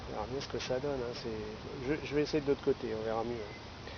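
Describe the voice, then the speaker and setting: In a city park, a man chats casually over amateur radio, rambling and often tagging his phrases with "hein" and "là." His voice is medium-pitched, brisk, and fairly even in intonation, captured in a dull, noisy, lo-fi outdoor recording.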